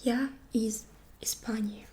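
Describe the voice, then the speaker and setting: Woman, whispered ASMR lesson, soft-spoken, unhurried, mellow tone. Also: on the high side, fairly even intonation, a little hiss or hum. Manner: soft whisper, repeats each phrase slowly. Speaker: ASMR creator teaching phrases.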